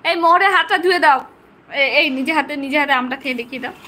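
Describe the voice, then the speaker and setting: A woman's voice: high-pitched, fast talker, bright, forceful tone. A woman, a mother vlogging at home on her phone, coaxing and teasing her small son in a sing-song voice. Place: at home indoors.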